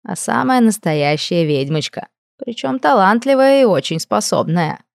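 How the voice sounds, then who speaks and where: A woman voicing a calm, amused female nymph mentor who speaks slowly and gently, in a dry, close audiobook reading. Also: mid-range voice, vocal fry, no echo. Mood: gentle. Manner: slow, gentle, knowing.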